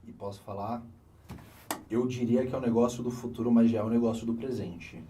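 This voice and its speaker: A young Brazilian man with a Brazilian Portuguese accent, hosting a casual conversation and thinking aloud with animated restarts. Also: medium pitch, a little fast, a little hiss or hum. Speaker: host. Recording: voice a bit distant from the mic.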